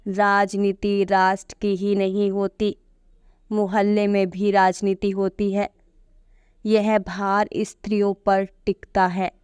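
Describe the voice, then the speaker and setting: Slow, clear woman storyteller. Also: medium pitch, completely flat delivery, darkish tone, dry recording, studio quality. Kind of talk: reading a short story aloud.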